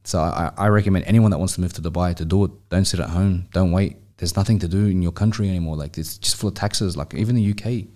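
An Australian-accented business owner, raised in Sydney, speaks casually as a guest in a podcast interview. His voice is low and dark-toned, and he talks fast with hardly any pauses.

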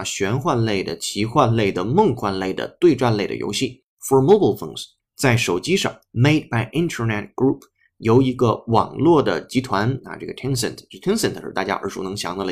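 A man teaching English, explaining a text line by line at a slow, patient pace and spelling words out letter by letter. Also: lowish voice.

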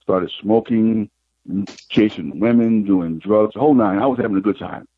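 Thin, tinny, and dry like a phone call, the recording captures a middle-aged man, a psychic being interviewed, reflecting on his life. His husky, fairly low voice moves unhurriedly as he reenacts scenes through quoted dialogue.

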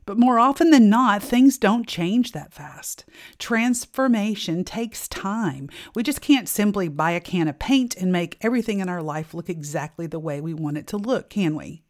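A woman hosting her own podcast, delivering a scripted monologue in an expressive, emphatic and inviting way. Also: mid-range voice, normal speed. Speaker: podcast host.

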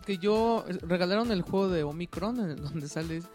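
Chatty, slightly high-voiced Mexican man. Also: moderate pace, over music. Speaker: podcast co-host. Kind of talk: casual chat about video games.

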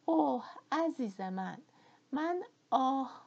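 A woman voicing a young woman desperately pleading for her love, with a breathy, slightly muffled tone. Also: high voice, animated, darkish tone, voice pushed up, exaggerated voice.

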